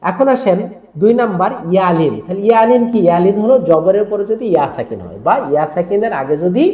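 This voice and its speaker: A man teaching Quran reading rules to teachers, explaining step by step and drilling sounds in slow repetition. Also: high voice, animated, mellow, reverberant, lo-fi sound.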